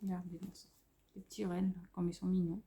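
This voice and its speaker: A French woman rambles happily through a haul in front of a camera on a tripod, gushing over every cute item. Her voice is mellow and soft-edged, full of fillers and restarts. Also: on the low side, flat delivery, a little fast. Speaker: craft vlogger showing a haul. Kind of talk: casual haul commentary.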